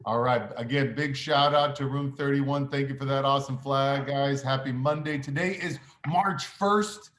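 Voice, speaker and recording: A man's voice: mid-range voice, normal speed, hardly any pauses, fairly bright tone. A man giving upbeat school intercom morning announcements as principal, encouraging, with frequent "uh" fillers. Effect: school intercom announcement sound. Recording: echoey room with faint noise.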